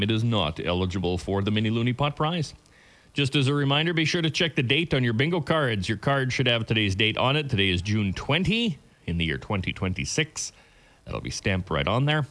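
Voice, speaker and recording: A man working as a radio bingo caller, announcing the game and numbers clearly and repeating key details. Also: mid-range voice, fairly bright tone.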